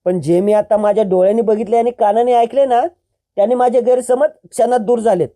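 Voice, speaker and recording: A storyteller voicing a young woman in a family drama who angrily accuses her relatives, with sharp, scolding outbursts. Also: mid-range voice, steady tone, a little fast, voice pushed up, natural voice. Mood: angry accusing.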